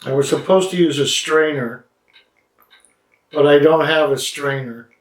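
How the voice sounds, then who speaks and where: A man reviews things in a chatty, halting way, stopping often on fillers. His voice sits a bit high. He is indoors in a study, a little back from the mic, and the room echoes strongly around him. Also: distant mic. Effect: strong room echo. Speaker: cigar and drink reviewer. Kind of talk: casual vlog review.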